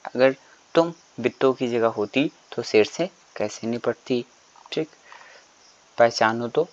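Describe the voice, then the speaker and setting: Male teacher, patient step-by-step explainer who keeps quizzing the class, dull lo-fi recording. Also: medium pitch. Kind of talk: textbook lesson explanation.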